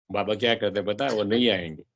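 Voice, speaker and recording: A man's voice: fairly low pitch, vocal fry, no echo. A man explaining a religious text to a small class, often asking his listeners questions and mixing in English words. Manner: asks the audience questions and mixes in English words. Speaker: spiritual teacher.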